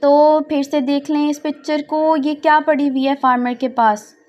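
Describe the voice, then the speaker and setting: A woman's voice: high voice, flat delivery, moderate pace, a little mellow, lo-fi sound. A woman teacher, patiently explaining quiz answers, repeating each question and translating the English lines. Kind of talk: slow tutorial narration over slides.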